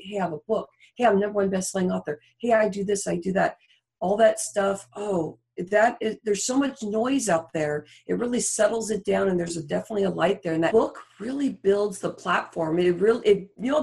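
A woman with a medium-pitched, gravelly voice appears as a podcast guest; she's a coach and author. She talks casually in an interview setting, effusive and encouraging.

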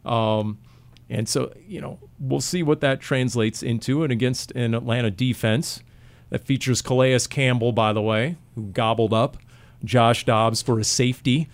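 A man's voice: mid-range voice, fairly even intonation, moderate pace, no room sound. Chatty man talking sports. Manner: chatty, rambling with fillers. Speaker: podcast host. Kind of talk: casual sports talk.

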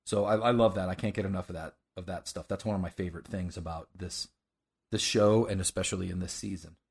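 A man hosting a casual podcast, talking about a show in a halting, enthusiastic way. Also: low voice, fairly even intonation, vocal fry, darkish tone, slightly rough. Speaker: podcast host.

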